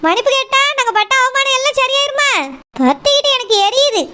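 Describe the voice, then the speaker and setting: A woman plays a bitter, furious mother in a cartoon who scolds without letup. Her voice is very high and piercing. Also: animated, brisk, bright, forceful tone, slight background noise, exaggerated voice. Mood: angry. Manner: harsh, ranting, scolding. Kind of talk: cartoon voice acting.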